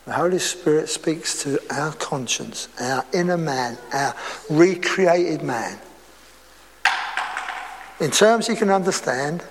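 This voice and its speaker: A male preacher with a notably high voice delivers a sermon in a relaxed, talkative manner, breaking off for asides and light jokes. His voice rings out with a long echo, recorded in a church hall before a congregation. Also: takes it slowly, pauses often. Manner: conversational preaching with chatty asides and humor. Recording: reverberant hall.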